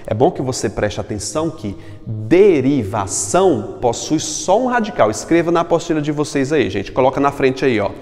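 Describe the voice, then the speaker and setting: Brazilian guy teaching a grammar class, lively, asks himself questions, long echo in the room. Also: mid-range voice. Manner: lively, asks and answers his own questions. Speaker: Portuguese teacher. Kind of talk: recorded class lecture.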